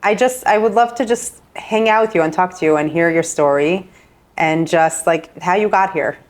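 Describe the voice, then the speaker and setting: Podcast host, woman, slightly low voice, eager and affirming interviewer. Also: moderate pace. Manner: enthusiastic, affirming. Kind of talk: casual interview chat.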